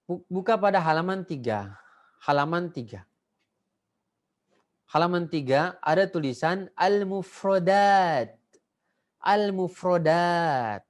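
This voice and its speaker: Slow, patient male language teacher. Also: a little high. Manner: patient, repeats each word for learners to echo. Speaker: Arabic teacher. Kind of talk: beginner language lesson.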